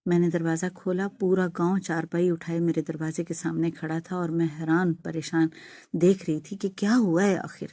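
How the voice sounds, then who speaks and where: A woman's voice: fairly low pitch, flat delivery, warm tone, no echo. A woman narrating an emotional first-person story in a heartfelt, dramatic way. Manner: heartfelt and dramatic, rising to wailing pleas.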